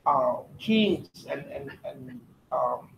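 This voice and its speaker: A man with a South African accent speaking to schoolchildren in a classroom, asking them questions and pausing on fillers. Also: mid-range voice, animated, gravelly, fairly bright tone. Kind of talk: classroom talk. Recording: roomy, distant classroom recording with faint noise.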